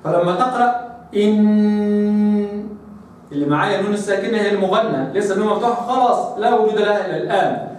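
A man teaching Quran recitation rules, explaining each point and then slowly demonstrating the sounds. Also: high-pitched, animated. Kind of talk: tajweed lesson with recited examples. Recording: very echoey room, distant from mic.

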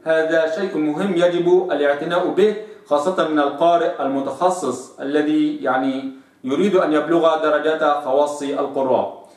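A man with an Egyptian accent teaching recitation, who explains each point and then drawls out sample sounds slowly in a lower voice. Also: fairly even intonation, far from the mic. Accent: Egyptian Arabic. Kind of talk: tajweed lesson. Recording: echoey room, voice off-mic.

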